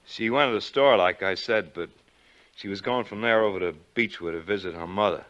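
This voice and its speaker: An actor plays a nervous, menacing man with a guilty secret in 1940s radio suspense style, stammering, evasive and nervously coaxing. His voice is on the low side, brisk, a bit bright and close to an everyday voice, heard through a dull, band-limited 1940s radio recording.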